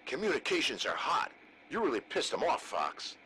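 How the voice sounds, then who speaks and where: A man's voice: a little high, wildly swooping pitch, normal speed, bright, forceful tone, slightly rough, heavily acted. A man playing a jovial, teasing prisoner chatting over radio in a comic video game. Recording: slightly noisy radio transmission.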